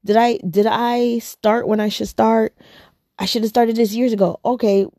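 Gravelly, dark-voiced woman chatting casually. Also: fairly high pitch, level tone, normal speed, dry recording, clean studio sound. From United States. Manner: chatty, rambling, repeats herself, laughs often. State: tired, yawning. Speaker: vlogger. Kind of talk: casual chat to camera.

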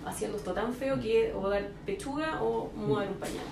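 A woman entrepreneur chatting casually with quick, short replies. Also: on the high side, gravelly. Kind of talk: casual conversation. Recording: distant mic in echoey room with noise.

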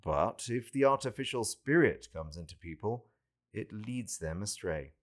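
With a fairly low voice, a man plays a calm, authoritative saviour in a scripture reading, teaching a follower through solemn, deliberate pronouncements.

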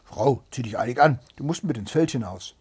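A man's voice: mid-range voice, animated, a little fast, darkish tone. A man voicing a crafty, stubborn hedgehog who is bossy and blunt, in a fairy tale reading. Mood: gruff. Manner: blunt, gruff and sly.

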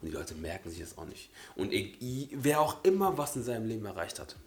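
A man's voice: on the low side, sing-song, fairly quick. A man in a casual motivational podcast chat, speaking emphatically and repeating his key phrases. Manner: emphatic, repeats phrases, often murmurs agreement. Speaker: podcast co-host.

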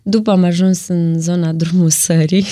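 A woman from Romania, a guest in a casual podcast chat, speaking hesitantly with many pauses and fillers. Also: lowish voice, level tone, warm tone, no room sound, studio quality.

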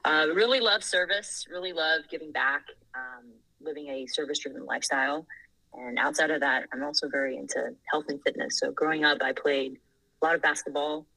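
A woman's voice: low-pitched, a little fast, creaky, pushed and bright, dry recording, poor audio. A woman in her thirties from Thailand, a podcast guest talking earnestly and laughing easily. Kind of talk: casual interview.

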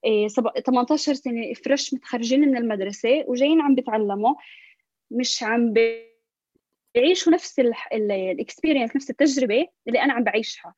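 A woman's voice: on the high side, fast talker, darkish tone, no room sound, dull audio. A young woman with a Levantine Arabic accent talking as a podcast guest, mixing in English words and often restarting her phrases. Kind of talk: conversational interview with English loanwords.

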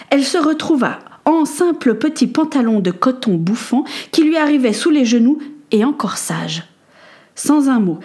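A woman narrating a storybook adventure in a clear, expressive reading. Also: on the high side.

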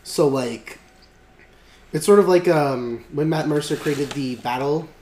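A man with a somewhat high, slightly mellow voice hosts a podcast at a measured pace. He chats casually about a tabletop game, rambling with plenty of fillers and restarts. The room is echoey, with faint background noise.

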